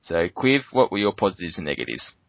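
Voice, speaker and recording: A man with an Australian accent and a fairly low voice hosts a fan sports panel. The recording is dry and a little dull. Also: big pitch swings, fast, creaky, dry recording. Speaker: podcast host.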